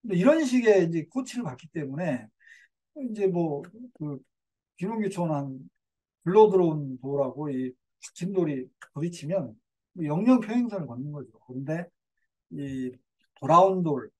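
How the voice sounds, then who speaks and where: A man's voice: a little high, animated, moderate pace, mellow. An older man giving a community lecture in a digressive way, with fillers and self-corrections.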